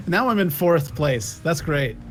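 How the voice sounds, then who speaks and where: A man with a high, lively voice who talks very slowly in a casual game chat. He teases his friends, with a faint hiss in the background. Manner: teasing, laughs a lot.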